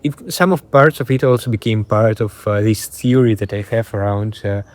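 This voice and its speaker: Belarusian accented guy vlogging, lowish voice, thoughtful, kinda halting and repeats himself looking for words. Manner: halting and reflective, repeats phrases while searching for words. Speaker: video creator and host. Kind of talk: casual talk to camera.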